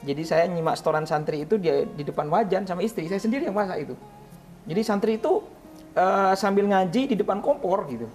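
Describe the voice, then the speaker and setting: A man's voice: high voice, lively intonation, fairly quick, faint music behind. A man who is an Islamic preacher, telling a heartfelt personal story in a podcast interview and often speaking straight to the host. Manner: earnest and heartfelt, drops to hushed asides, often addresses the host directly. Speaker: Islamic preacher and Quran school founder.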